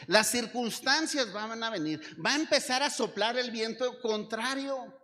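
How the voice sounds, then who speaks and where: A man's voice: very high voice, sharp tone, long reverb tail. A man with a Mexican accent preaching a sermon to his church, emphatic and full of rhetorical questions to the congregation. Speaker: pastor. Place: church service.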